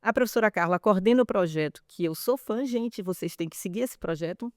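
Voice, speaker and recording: A woman's voice: mid-range voice, a little fast, no echo, clean studio sound. A woman hosting an interview podcast, introducing her guest enthusiastically and chatting asides to her listeners. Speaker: podcast host.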